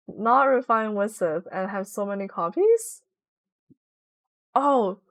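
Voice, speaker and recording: A young woman livestreams on Twitch from home, chatting casually while gaming and rambling with plenty of "like" fillers. Her voice is on the high side, and the recording is dry with clean studio sound.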